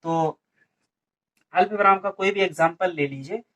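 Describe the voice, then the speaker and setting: Guy from india teaching grammar for an exam class, slightly high voice, keeps saying okay and answering his own questions. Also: normal speed, fairly bright tone. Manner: repeats questions and answers them, frequent "ठीक है" fillers. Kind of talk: exam coaching lesson.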